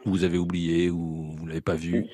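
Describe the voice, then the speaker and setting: A man hosting a live radio quiz as a game show host, drawing out questions and tossing in quick asides. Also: low-pitched, little pitch movement, mellow, slight background noise. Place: radio studio.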